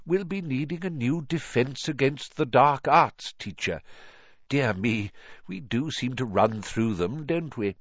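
A calm, kindly old wizard headmaster, voiced by a man, unhurried and gentle, dropping to a soft murmur at times. His pitch moves a lot within phrases, and the sound is dry and dull. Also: no room sound, full character voice.

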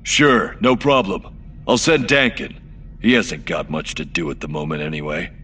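A man's voice: deep voice, fairly even intonation, moderate pace, a bit bright, breathy edge, recorded from a distance, soft background music. A man doing a crewman over a comm speaker. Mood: casual. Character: easygoing male crewman calling over comm. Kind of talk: audiobook narration.

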